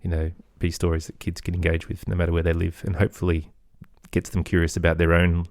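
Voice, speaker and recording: In a dry, studio-quality recording, a middle-aged man talks fast in a low, monotone voice. As an interview guest who podcasts and makes music, he answers thoughtfully and earnestly, keeping it conversational.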